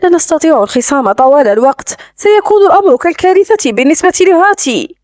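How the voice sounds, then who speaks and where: A woman's voice: sits high, sing-song, fast, a little mellow, no room sound, clean studio sound. A woman voicing a proud, anxious young bride-to-be who speaks in a defensive, pleading way, read as audiobook dialogue. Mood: sad.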